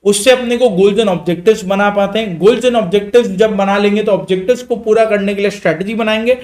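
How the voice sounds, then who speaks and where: A man's voice: high voice, a little mellow, echoey room. A young man teaching an exam revision lecture, asking questions and answering them himself, mixing in English terms as he explains. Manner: explains in quick Hindi mixed with English terms, asks and answers own questions.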